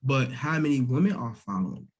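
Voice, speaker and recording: A man's voice: medium pitch, animated, brisk, husky, low-quality recording. A young man hosting a casual debate chat, laid-back and questioning, laughing easily. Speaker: podcast host.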